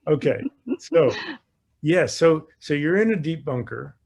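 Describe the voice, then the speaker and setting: Fairly high in pitch and animated yet unhurried, this man's creaky, darkish voice belongs to a golf coach running an online Q&A. He gives conversational instruction during the live session, repeating phrases often.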